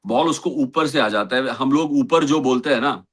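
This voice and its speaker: A man's voice: mid-range voice, moderate pace, breathy edge. A man with an Indian accent hosting a casual cricket chat, switching between Hindi and English and teasing his co-host. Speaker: cricket show host and former Test player.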